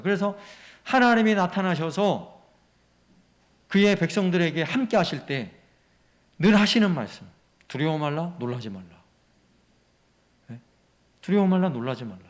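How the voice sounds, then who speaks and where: A man, a church pastor, teaching a Bible memorization lesson and often asking the congregation questions. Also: high-pitched. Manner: engaging, asks congregation questions.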